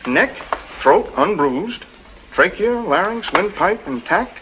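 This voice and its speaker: An actor playing a hesitant, fussy medical examiner in a 1940s film, halting and full of "uh"s. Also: male voice, mid-range voice, a bit bright. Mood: musing. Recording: noisy 1940s film soundtrack.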